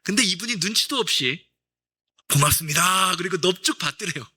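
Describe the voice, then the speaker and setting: A man's voice: high voice, very animated, normal speed, pushed and bright. A male pastor preaching a Sunday sermon, telling a story with acted-out dialogue and questions to the congregation.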